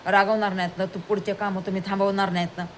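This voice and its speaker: A woman's voice: medium pitch, level tone, fast, a little hiss or hum, close to an everyday voice. A woman voicing a remorseful young servant woman in a told story, pleading anxiously for forgiveness.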